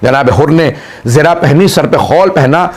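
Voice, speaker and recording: A male cleric with a high voice delivers a mourning sermon as impassioned storytelling. His delivery stretches into long, wailing cries and moves into chanted prayer. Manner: ends in a chanted closing prayer.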